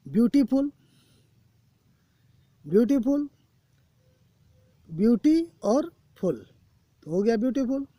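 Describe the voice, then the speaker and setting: A man teaching an English grammar lesson, explaining slowly and repeating points, often calling his students "guys". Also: very high voice, warm tone, no room sound. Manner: slow, repetitive explanations, keeps saying "guys". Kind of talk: recorded classroom lesson. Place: coaching classroom.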